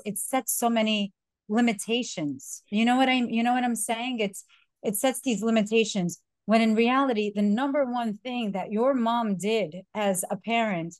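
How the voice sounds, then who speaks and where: A woman's voice: medium pitch, darkish tone, no room sound, clean studio sound. Earnest woman hosting an interview. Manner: emotional, earnest, searching for words with fillers. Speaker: podcast host.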